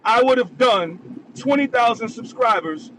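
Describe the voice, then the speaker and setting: A man's voice: very high voice, expressive, unhurried, a bit bright. A man calling in from his car, talking over a phone line, who argues insistently and repeats himself to keep the floor. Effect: phone call from a moving car. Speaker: call-in guest. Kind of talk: heated podcast debate. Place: driving in a car. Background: vehicle noise.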